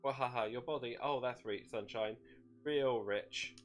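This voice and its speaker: A man's voice: mid-range voice, measured pace, faint music behind, lightly acted. A man voicing a gleeful, bloodthirsty demon shade, mocking and wheedling in folksy slang as in a dramatic story.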